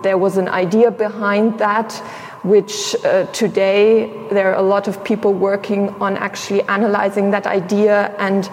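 A young woman curator who grew up in Sierra Leone and Tanzania, speaking in a measured, reflective way with many pauses in an interview. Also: mid-range voice, level tone, darkish tone. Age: young adult. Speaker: museum curator, guest. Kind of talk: thoughtful interview conversation. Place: exhibition space indoors. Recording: reverberant hall with faint noise.

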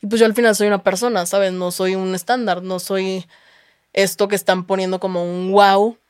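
A woman's voice: mid-range voice, flat delivery, normal speed, darkish tone, clean tone, no echo, studio quality. A young woman with a Mexican accent, a guest telling her story in casual chat, candid and full of slang and swearing.

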